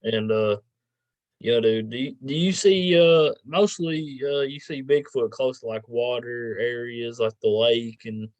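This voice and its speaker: A man hosting a casual interview podcast, speaking informally and a bit haltingly. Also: mid-range voice, no room sound. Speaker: podcast host. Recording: dull lo-fi sound.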